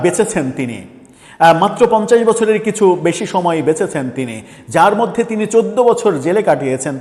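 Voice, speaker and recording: Earnest halting male commentator with reverb. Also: fairly high pitch. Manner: halting, many filler sounds and restarts, earnest and pressing. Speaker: political commentator. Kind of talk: political commentary monologue.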